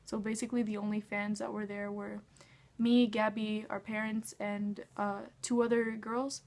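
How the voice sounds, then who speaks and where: A teenage girl excitedly retelling a fan encounter in a vlog, acting out the quoted lines. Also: mid-range voice, moderate pace. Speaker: vlogger. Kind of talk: storytime vlog.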